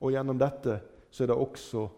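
A man preaching a sermon, retelling stories with dramatic rises and falls in his voice. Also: steady tone. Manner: dramatic retelling with wide swings in pitch and loudness.

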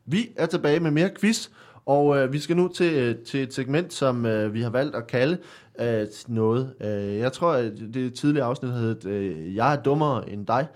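A man's voice: mid-range voice, darkish tone. A man hosting a casual podcast quiz, hesitant and joking, with many fillers as he talks. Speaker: podcast host and quizmaster.

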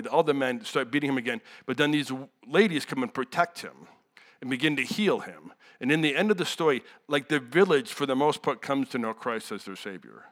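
A young adult man preaching a sermon in a candid, conversational way, full of asides and rhetorical questions. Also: mid-range voice.

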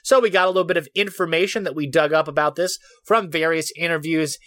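Playful jokey man hosting a podcast. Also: on the high side. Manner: playful, loud and jokey, reads release details fast. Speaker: podcast host. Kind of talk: casual movie podcast chat.

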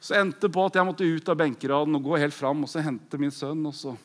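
A man in his forties preaching a pentecostal sermon, fervent, moving between loud exclamations and hushed prayer. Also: on the high side. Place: large conference hall.

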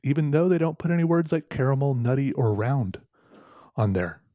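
A man's voice: mid-range voice, lively intonation, moderate pace, warm tone, no echo, lo-fi sound. A man chatting casually into a microphone as a solo podcast host, rambling, correcting himself and musing with wry humor. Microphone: close microphone.

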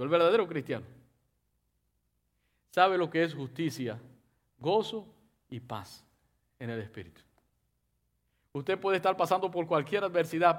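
A male pastor preaching a sermon, reading scripture and speaking directly to his congregation, with sharp swings between loud and soft. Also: a little high. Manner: preaching, with sharp rises and drops in loudness; reads scripture aloud and addresses the congregation directly.

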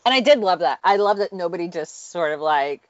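A woman's voice: on the low side, expressive, brisk, no room sound, muffled recording. A woman co-hosting a casual podcast recap, enthusiastic and teasing, with lots of "like" fillers. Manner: enthusiastic, teasing, heavy use of "like".

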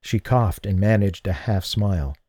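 A man giving a dramatic audiobook narration of a thriller, measured and slowing for tense beats. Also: on the low side, dark tone, dry recording, studio quality. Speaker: audiobook reader.

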